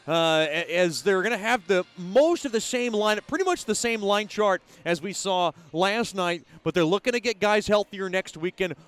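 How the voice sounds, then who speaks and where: Male sports broadcaster, high-pitched, hosting pregame hockey commentary with an announcer's address.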